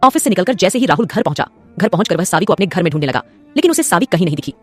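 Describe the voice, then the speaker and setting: A woman narrating a dramatic audio story in a brisk storytelling manner. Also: fairly low pitch, animated, a little mellow, breathy edge, faint music behind.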